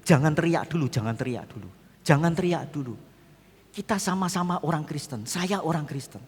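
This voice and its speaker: A nervous male burglar, played by a preacher in his sermon keeps repeating his urgent pleas. The voice sits a little high and rings in a reverberant church hall. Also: animated, fairly quick, husky. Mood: pleading. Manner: repetitive, urgent pleading.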